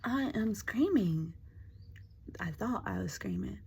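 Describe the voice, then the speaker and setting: A woman host telling a true ghost story in casual chat, sometimes dropping to a hush for the spooky parts, in her dark bedroom at night. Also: medium pitch, lively intonation, slow, creaky, slight background noise.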